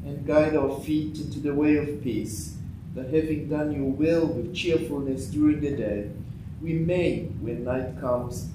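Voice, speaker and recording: Slow man reading prayers in an echoey church. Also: a little high, steady tone. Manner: slow, measured recitation of set prayers. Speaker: lay reader leading morning prayer. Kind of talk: liturgical reading. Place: small church sanctuary, at a lectern. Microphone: far fixed camera. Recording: echoey church from far off with background noise.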